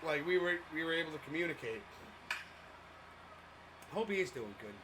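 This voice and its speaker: A man's voice: on the high side, lively intonation, normal speed, background noise. A man co-hosting a live sports stream, chatting casually and rambling with lots of fillers while reading out viewer messages. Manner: loose and rambling, many fillers and restarts.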